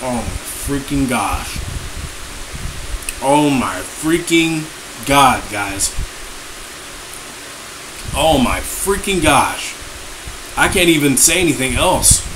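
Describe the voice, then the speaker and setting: An excited man reviewing a snack, exclaiming while talking with his mouth full. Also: medium pitch, slow, long pauses, noisy background. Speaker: food reviewer. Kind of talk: casual taste-test vlog.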